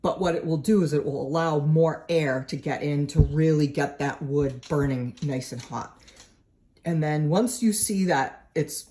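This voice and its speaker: A speaker from New England giving a casual how-to at home by a woodstove, chatty and informal, often checking in with a quick "right?". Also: mid-range voice, a little mellow. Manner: chatty and informal, with frequent tag questions. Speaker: home vlogger explaining a woodstove to a friend. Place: at home beside a woodstove, indoors.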